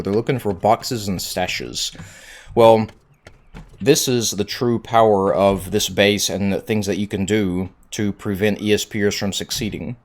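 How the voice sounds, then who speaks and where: Guy with a lowish voice doing a casual game tutorial, chatty, really stresses his points. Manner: conversational, emphatic with repeated points. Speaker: gaming tutorial creator.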